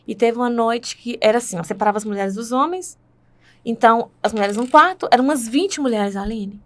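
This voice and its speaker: A woman's voice: on the high side, a little fast, fairly bright tone. A woman with a Brazilian Portuguese accent telling her faith testimony in conversation, earnest and full of tag questions.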